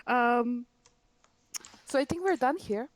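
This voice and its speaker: A woman's voice: on the high side, slow pace. A woman playing a tabletop game over voice chat, giggly and hesitant. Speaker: player.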